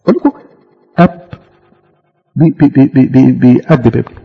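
A man with an Egyptian Arabic accent preaching a sermon, animated, repeating phrases and acting out little dialogues. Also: medium pitch, fairly quick, husky, narrow, tinny audio, soft background music.

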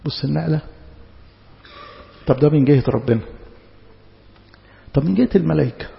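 A man preaching a sermon with an Egyptian accent, in a conversational style full of rhetorical questions. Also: high-pitched. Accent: Egyptian Arabic. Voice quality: gravelly. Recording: long hall reverb, dull sound.

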